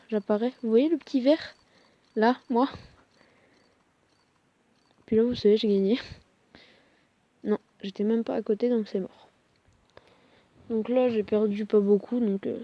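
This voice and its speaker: A young woman chats through a mobile game in a soft, mellow voice, stopping often on fillers. The recording is dull and dry, as if from a small device mic. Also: a little high, no room sound. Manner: hesitant, many fillers and apologies. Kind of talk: casual gameplay commentary.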